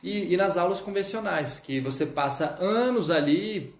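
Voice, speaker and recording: A man's voice: high-pitched, expressive, normal speed. A Brazilian man teaching French in a casual live stream, chatting with viewers and checking in often as he goes. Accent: Brazilian Portuguese. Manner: chatty, reads out viewer comments, frequent "tá?" check-ins. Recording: echoey room.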